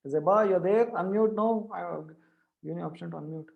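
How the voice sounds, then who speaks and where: A man's voice: high-pitched, normal speed, gravelly, phone-quality sound. A man teaching programming in a live online class, repeating his questions to push students to answer.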